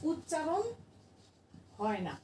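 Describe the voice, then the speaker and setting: Speaking slowly but with great animation, a woman with a high, mellow voice leads a grammar lesson, patiently asking her students questions and supplying the answers herself. She's recorded from a distance in a spacious, reverberant room with slight background noise.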